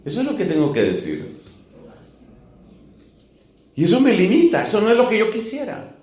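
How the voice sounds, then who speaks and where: A man preaching as a friar in a teaching sermon, building slow emphatic lists and asking rhetorical questions. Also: high-pitched, huge pitch swings, a little mellow. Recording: echoey room.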